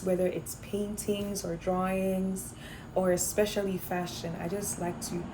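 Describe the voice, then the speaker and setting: A woman's voice: on the low side, noisy background. A young woman from Ghana, a fashion design student, answering interview questions thoughtfully with some fillers and restarts. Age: young adult.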